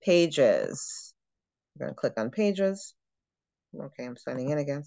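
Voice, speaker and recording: A woman who trains travel agents, giving a chatty screen-share walkthrough of software and thinking aloud as she clicks through it. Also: low-pitched, lively intonation, measured pace, vocal fry, dry recording.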